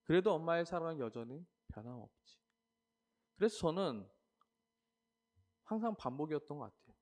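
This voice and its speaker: A man preaching an earnest devotional sermon, swelling in emphasis and then softening. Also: fairly high pitch, very animated, normal speed.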